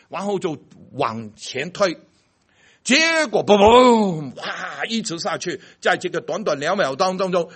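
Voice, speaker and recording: A man telling a personal faith story about a car accident, checking that listeners follow him and stumbling over words when excited. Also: sits high, slightly rough. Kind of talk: animated storytelling.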